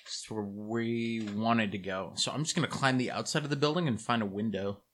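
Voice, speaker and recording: A young man playing a tabletop game, calmly stating his character's moves. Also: fairly low pitch, fairly quick, a little hiss or hum. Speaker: player.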